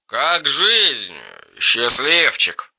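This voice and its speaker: A man's voice: a little high, big pitch swings, slow pace, bright, forceful tone, pitched above the performer's own voice, exaggerated voice, rough recording. A man voicing a drunk male auto mechanic calling a friend, slurring his words. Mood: drunk, complaining. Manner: slurring, tipsy.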